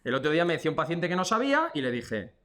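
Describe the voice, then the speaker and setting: A man's voice: a little high, sing-song, racing, a bit bright. Chatty Spanish physiotherapist man. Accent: Spanish from Spain. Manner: counts repetitions aloud, chatty and instructive. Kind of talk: exercise demonstration.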